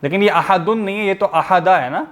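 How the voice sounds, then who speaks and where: A man with a high voice teaches a grammar lesson in an online class, talking very fast. He works through it step by step, posing questions to the class and then answering them himself.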